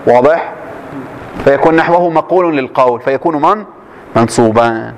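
A man teaching a class, reading a text slowly and then explaining it with quick questions to his students. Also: mid-range voice, a little hiss or hum.

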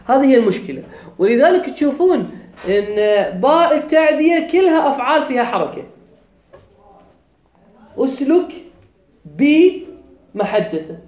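A man with a Kuwaiti accent teaching a grammar class, explaining step by step and often checking that his students follow. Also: extremely high pitch. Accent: Kuwaiti Arabic. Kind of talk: classroom lecture. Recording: echoey room.

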